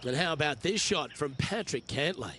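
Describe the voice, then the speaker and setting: A man's voice: a little high, lively intonation, moderate pace, background noise, lightly acted. A man working as a golf commentator, calling play shot by shot in a game broadcast. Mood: measured.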